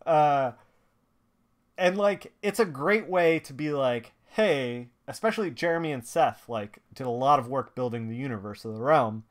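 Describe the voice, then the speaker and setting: Guy streaming live, rambly casual chat, mid-pitched voice, lots of likes and restarts. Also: normal speed. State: watery eyes, sniffly. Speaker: streamer and comic colorist host.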